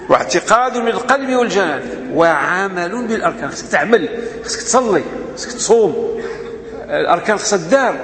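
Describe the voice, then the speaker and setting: A man's voice: high-pitched, a bit bright. A man with a Moroccan accent giving an emphatic religious lesson, posing rhetorical questions and answering them himself. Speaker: religious teacher. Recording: echoey hall, faint background noise.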